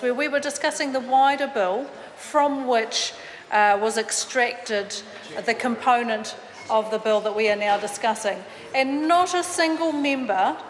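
In a reverberant, wood-panelled parliamentary chamber with faint ambience, a middle-aged woman from the opposition speaks indignantly into a desk microphone. Her slightly high voice is full of fillers and restarts, and there is some background noise.

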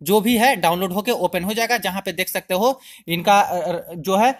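Male channel host with a high voice, chatty step-by-step tutorial narration, keeps calling viewers friends. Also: moderate pace. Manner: step-by-step instructional. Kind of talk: screen-recorded tutorial voice-over.

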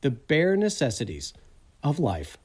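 A man's voice: a little high, huge pitch swings, unhurried, slightly rough, heavily acted. A man, a TV news reporter, voicing a playful wooden teddy bear who narrates a news feature in the first person with jokey, teasing asides.

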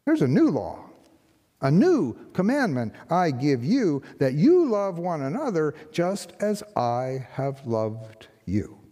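An older man, an interim pastor, preaching a sermon from a lectern with a conversational tone and rhetorical questions. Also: takes it slowly. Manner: conversational, rhetorical questions, lively pitch swings. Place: large church sanctuary, behind a lectern. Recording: long hall reverb in church.

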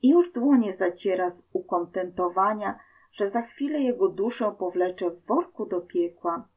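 A woman reading a folk tale aloud as narrator, in a slow, expressive storytelling manner. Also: medium pitch, husky, muffled recording.

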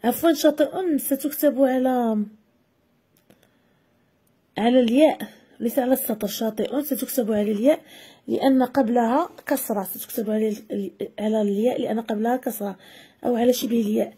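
Woman teacher, husky and warm, slightly high voice, patient lesson delivery. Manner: slow, deliberate dictation of example words. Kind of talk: classroom grammar lesson. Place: video lesson voice-over.

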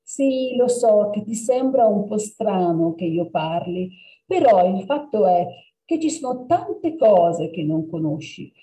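A woman's voice: medium pitch, roomy sound, rough recording. A woman doing a sly, secretive talking cat. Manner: teasing, hushed.

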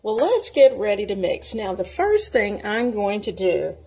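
A woman's voice: medium pitch, very animated, unhurried, gravelly, mellow, a little hiss or hum, rough recording. A woman hosting a home cooking video, chatting casually and talking viewers through each step as she cooks in her kitchen.

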